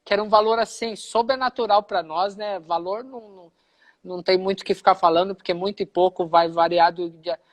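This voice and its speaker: A man's voice: high-pitched, fairly even intonation, a little fast. A man with a Brazilian Portuguese accent, a pastor giving a personal testimony in a live conversation, who acts out the dialogue he quotes.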